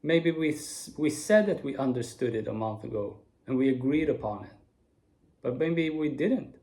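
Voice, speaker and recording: A man in his forties giving a slow, earnest spoken reflection to camera, with soft laughs now and then. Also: mid-range voice, expressive. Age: 40s. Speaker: video speaker.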